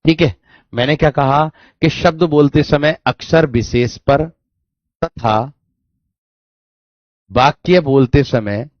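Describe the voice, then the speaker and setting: A man teaching a Hindi grammar class online, repeating key phrases, slowing down to dictate and often checking whether students understood. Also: a little high, no echo. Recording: dry, dull lo-fi sound.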